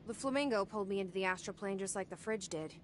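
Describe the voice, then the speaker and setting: An actress playing a calm female agent in video game dialogue, level and matter-of-fact. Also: mid-range voice, quick pace, a little hiss or hum, natural voice.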